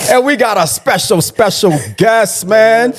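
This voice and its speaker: A man's voice: high voice, a little slow, loud music behind the voice. A man hosting a casual brunch chat show, upbeat and hyping up guests. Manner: upbeat, hype, laughing. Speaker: host.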